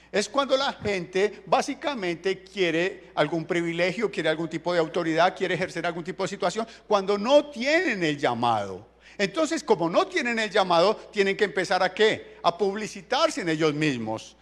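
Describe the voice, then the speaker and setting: A pastor, preaching a sermon in a colloquial, jokey storytelling way. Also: male voice, high-pitched, fairly bright tone.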